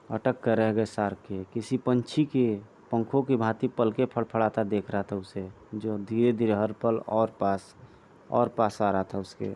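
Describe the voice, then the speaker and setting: A man's voice: medium pitch, mellow. A man reading a comic book aloud in a dramatic way and adding his own remarks. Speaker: comic reader.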